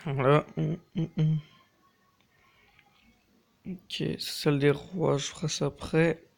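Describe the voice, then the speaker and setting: A young man talks through a mobile game in loose, profanity-laced commentary, nervous and rushing his words. His voice sits a little high and has a gravelly, fry-heavy edge. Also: fairly even intonation, soft background music. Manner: crude, nervous and fast-talking, swears a lot. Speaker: mobile gaming YouTuber. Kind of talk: casual gameplay commentary.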